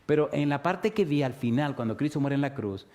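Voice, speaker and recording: Dominican guy preaching, mid pitch, keeps asking sí o no, goes loud then real quiet. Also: animated, a little fast. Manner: asks the audience rhetorical yes-or-no questions, swings from loud to hushed. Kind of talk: sermon.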